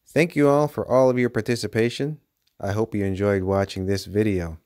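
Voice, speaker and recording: Man, low voice, race commentator, excitable play-by-play, dry close sound. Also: normal speed, no room sound. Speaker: race commentator and channel host. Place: basement with toy race track.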